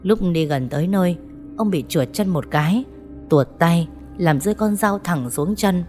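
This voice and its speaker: A woman narrating a ghost story in a steady storytelling manner. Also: fairly low pitch, normal speed. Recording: faint background music.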